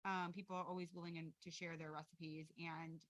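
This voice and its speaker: A woman's voice: on the low side, level tone, fairly quick, a bit bright, low-quality recording. A woman coaching a wellness group, chatting casually and upbeat over a video call, with lots of fillers. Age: adult with a young daughter.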